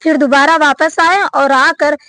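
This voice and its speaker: A young woman with a high voice tells a reporter what happened to her brother, rushing through the account and restarting her sentences. She stands a little off the microphone. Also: fairly even intonation, fairly bright tone, no echo. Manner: rapid, urgent retelling with many restarts. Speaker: witness, sister of the victim. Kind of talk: recounting an incident to a reporter.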